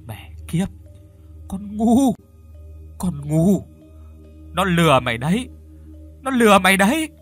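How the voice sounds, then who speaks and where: A shadowy, scheming female ghost, as a male narrator puts her on, swinging between shrieking and low, coaxing murmurs. The voice is bright and a little husky. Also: big pitch swings, slow, long pauses, soft background music, heavily acted. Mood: furious. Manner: shrieks, then whispers coaxingly.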